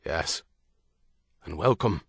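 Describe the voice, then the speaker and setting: A man doing a gruff, wary farmer. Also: low voice, lively intonation, slow, no room sound, pitched below the performer's own voice, full character voice. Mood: guarded. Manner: gruff, guarded shouting. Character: wary rural Irish man guarding his house.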